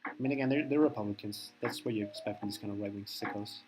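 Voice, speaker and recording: Male streamer, mid-pitched, quick and rambling, opinionated reaction chat over music. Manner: rambling, filler-heavy, opinionated.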